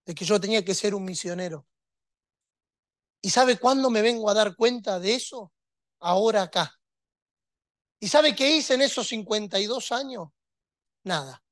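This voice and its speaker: A man's voice: sits high, normal speed, long pauses, a bit bright, dry recording, studio quality. A man preaching a sermon, emphatic and rhetorical, with touches of humor.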